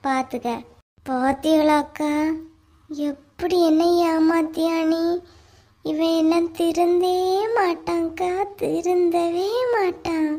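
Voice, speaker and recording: A woman with a Kanyakumari accent playing a sharp-tongued, complaining middle-aged aunt in a comedy skit. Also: very high voice, level tone, takes it slowly, full character voice. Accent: Kanyakumari Tamil. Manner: scolding, complaining. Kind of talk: acted village family drama.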